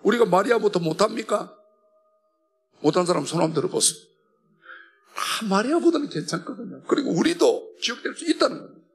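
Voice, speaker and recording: A man with a Gyeongsang accent, a church elder giving an emotional testimony in a worship hall, passionate and swinging from loud to hushed. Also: high voice, animated, a little fast, creaky, pauses often, breathy edge, soft background music. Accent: Gyeongsang Korean.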